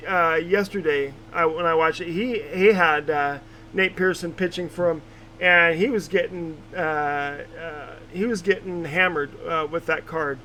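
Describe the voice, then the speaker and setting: A man hosting a casual podcast chat, talking haltingly with many fillers and restarts. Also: fairly high pitch, steady tone, bright, forceful tone, a little hiss or hum. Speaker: podcast host.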